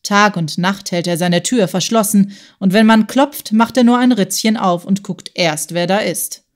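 A woman's voice: medium pitch, normal speed, lightly acted. A woman voicing a gossipy ship's waiter in a storybook, talking in a chatty, matter-of-fact way.

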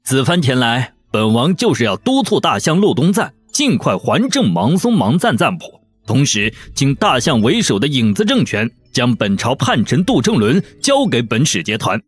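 A man voicing a composed young prince who speaks as envoy in forceful, measured, formal sentences. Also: medium pitch, huge pitch swings, husky, no echo, soft background music. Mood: firm formal.

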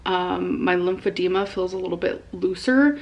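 A young American woman vlogs to camera from her living room at home, informal and slangy, saying "like" a lot. Her voice is on the low side and gravelly, at a moderate pace.

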